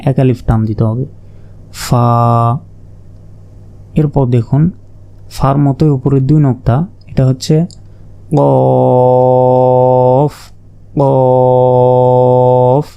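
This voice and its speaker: A man teaching Quran reading, slowly naming and repeating each Arabic letter and explaining how to pronounce it. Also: mid-range voice, fairly even intonation, highs cut off. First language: Bengali. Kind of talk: slow letter-by-letter pronunciation lesson.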